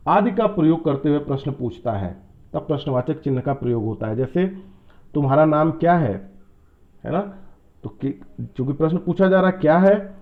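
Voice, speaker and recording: A man with a somewhat high voice teaches a grammar lesson for exam students. He explains each point step by step and keeps checking that his listeners follow. He reads out the example sentences in a changed tone, and the sound is thin and tinny, like a phone line. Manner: explains step by step, often asks "है ना?" and "क्या लग गया?".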